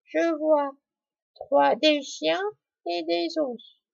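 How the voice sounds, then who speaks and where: A small child answers questions slowly and hesitantly, pitched very high with a gravelly edge. The lo-fi recording sounds dull and dry. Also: male voice, steady tone, dry recording, exaggerated voice. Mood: eager.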